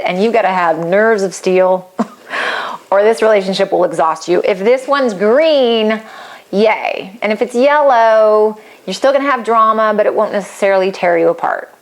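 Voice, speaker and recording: A middle-aged woman explaining a relationship compatibility report in a chatty, animated way, acting out quoted reactions and laughing lightly. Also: mid-range voice. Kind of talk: casual explainer talk.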